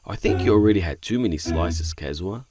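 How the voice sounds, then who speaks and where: A man voicing a calm, caring male cartoon friend who gives soft-spoken advice. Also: low-pitched, a little fast, close to an everyday voice. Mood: advising. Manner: gentle, advising, soft-spoken. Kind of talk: animated children's cartoon acting.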